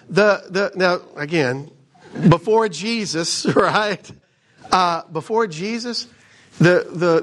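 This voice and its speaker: A man's voice: fairly high pitch, a bit bright. A middle-aged man teaching a casual Bible study, reading passages aloud and explaining them conversationally, often checking in with "right?". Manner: conversational, reads scripture then explains with frequent "right?".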